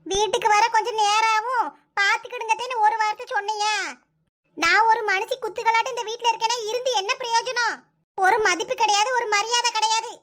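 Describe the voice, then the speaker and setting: In a comic cartoon, a woman plays a proud, sharp-tongued old mother-in-law who nags and speaks sarcastically in a Kanyakumari Tamil accent. Her voice is very high, her intonation fairly even, and her pace a little fast as she scolds.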